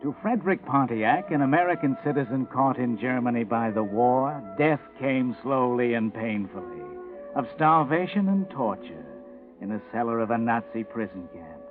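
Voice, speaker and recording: Casting: male actor as sinister night-walking storyteller for vintage radio mystery, theatrical, medium pitch, thin sound over clear music. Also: expressive, close to an everyday voice. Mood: grim, suspenseful. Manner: ominous, theatrical, measured. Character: The Whistler, ominous all-knowing night-walking mystery narrator. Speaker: narrator. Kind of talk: 1940s radio mystery narration. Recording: narrow, tinny 1940s radio recording.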